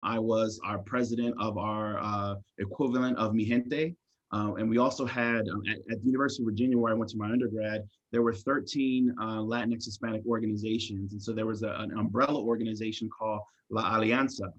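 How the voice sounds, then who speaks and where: Husky-voiced man, measured and thoughtful. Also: lowish voice, fairly even intonation. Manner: measured, thoughtful, with many fillers and restarts. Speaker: guest, assistant dean of students. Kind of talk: podcast interview answers. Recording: dull lo-fi sound.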